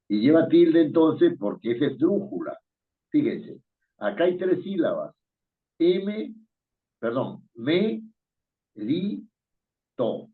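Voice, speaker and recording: A man teaching an online spelling class, patient and questioning, chuckling now and then. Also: mid-range voice. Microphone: video call. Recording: tinny phone-like call audio.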